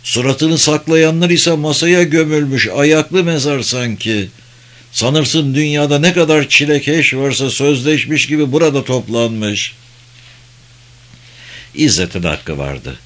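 A man reading a story aloud in a measured, literary storytelling manner. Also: a little high, animated, fairly bright tone. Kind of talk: scripted narration of a story.

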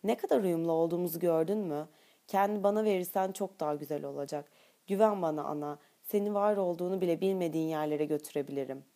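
A woman voicing a confident, commanding young man in an audiobook, speaking in a low, intimate murmur. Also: fast, warm tone, lightly acted. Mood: insistent.

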